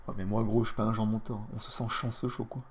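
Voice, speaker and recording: A man's voice: on the low side, flat delivery, fast talker, a little hiss or hum. A man streaming a board game online, casually commenting and mocking the other players with crude trash talk, often muttering under his breath.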